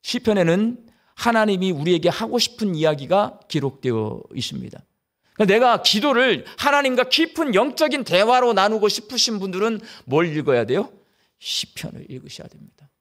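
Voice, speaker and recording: A middle-aged man preaching a sermon in church, animated and firing rhetorical questions at the congregation. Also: high voice, normal speed. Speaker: pastor. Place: church during a live service.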